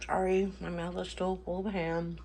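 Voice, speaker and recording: A woman's voice: fairly low pitch, normal speed, slight background noise. A middle-aged woman hosting a home cooking video, chatting casually with lots of fillers and small laughs. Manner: chatty, relaxed, many fillers and little laughs. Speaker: cooking channel host. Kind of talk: casual kitchen vlog narration. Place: home kitchen.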